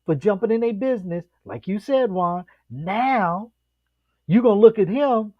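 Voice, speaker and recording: Animated man telling stories. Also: measured pace, dry recording, muffled recording. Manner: animated storyteller, acts out quotes with big pitch jumps. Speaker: podcast co-host. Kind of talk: casual chat.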